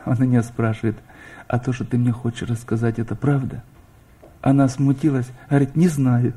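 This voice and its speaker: A middle-aged preacher talks directly to his congregation, questioning them and raising his emphasis as he goes. His medium-pitched voice is warm and slightly rough, with a level tone and moderate pace.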